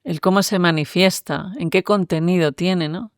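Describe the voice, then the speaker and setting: Thoughtful woman explaining calmly. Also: lowish voice, normal speed, no echo, clean studio sound. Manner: reflective, explanatory, frequent tag questions. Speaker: neuroscientist guest. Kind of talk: conversational interview.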